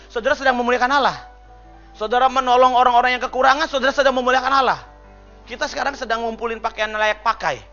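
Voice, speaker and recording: A man preaching a sermon as pastor, lively and chatty, joking and calling out to the congregation. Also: very high-pitched, muffled recording.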